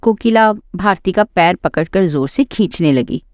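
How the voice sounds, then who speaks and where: Low-voiced woman storyteller. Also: animated, a little slow, a little mellow, no room sound. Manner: plain storytelling. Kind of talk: scripted narration.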